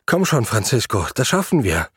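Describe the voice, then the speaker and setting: A man's voice: medium pitch, sing-song, normal speed, a bit bright, breathy edge, no echo, clean studio sound, heavily acted. A man voicing a female cycling companion in a narrated travel story, speaking in a raised, thoughtful and encouraging tone.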